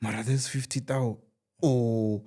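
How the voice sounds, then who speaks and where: A young South African man telling a comic story in casual chat, animated and quick to switch languages mid-sentence. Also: mid-range voice. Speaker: podcast host.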